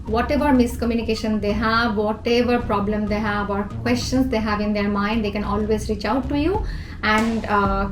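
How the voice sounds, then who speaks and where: A woman from Bangladesh with a Bangladeshi English accent, earnestly explaining numbered tips with everyday examples in a talking-to-camera advice vlog. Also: a little high. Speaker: youth organisation president and vlog host. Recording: echoey room with music behind.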